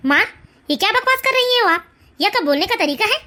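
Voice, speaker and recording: A woman voicing a newly married young son in an animated family story, firm and defensive. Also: extremely high pitch, brisk, full character voice.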